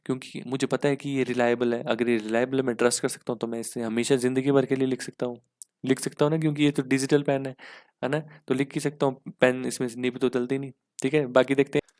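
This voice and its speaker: A man teaching English for an exam in a mix, explaining step by step with rhetorical questions and spelling words out slowly. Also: medium pitch, level tone, a little mellow. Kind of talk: exam-prep lesson in Hindi-English mix.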